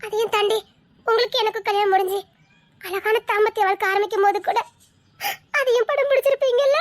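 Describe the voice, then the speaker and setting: A woman's voice: very high-pitched, steady tone, fast. A woman playing a heartbroken young female student who speaks with a Tirunelveli Tamil accent and keeps reproaching a lover through sobs. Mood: tearful reproach. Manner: sobbing, accusing and reproachful. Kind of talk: Tamil melodrama acting.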